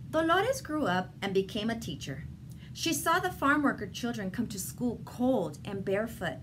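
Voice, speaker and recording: Against a clearly noisy ambient background, a mid-range-voiced woman reads aloud from a children's picture book. Her delivery is deliberate and expressive, in classic storybook fashion.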